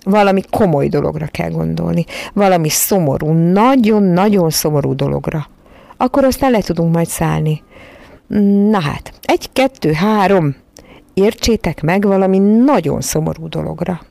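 A woman's voice: lowish voice, lively intonation, vocal fry, dark tone, no room sound. A woman voicing a jolly elderly uncle in a storybook who keeps laughing until his eyes water. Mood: laughing dismay. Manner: merry, tearful with laughter.

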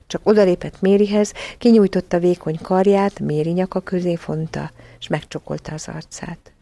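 Low, gravelly woman narrating an audiobook. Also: warm tone, no room sound.

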